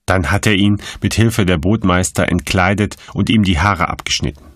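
A man narrating an audiobook in a steady, even storytelling manner. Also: low-pitched, moderate pace, no room sound, clean studio sound. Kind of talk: scripted narration.

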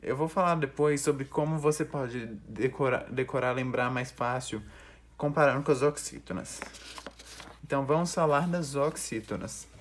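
A man's voice: medium pitch, moderate pace, a little hiss or hum. A young man, teaching a recorded online grammar review lesson and explaining step by step, sometimes restarting words.

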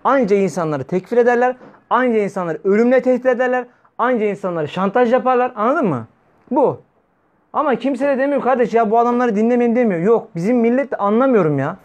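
Fiery, high-voiced preacher. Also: male voice, expressive, brisk, lo-fi sound. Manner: fiery, scolding, rhetorical questions to listeners. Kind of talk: weekly religious talk.

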